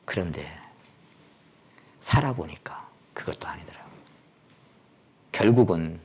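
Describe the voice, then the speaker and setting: A male pastor preaching a sermon dramatically, swinging from loud exclamations down to near-whispers. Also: low voice, animated, unhurried, slight background noise.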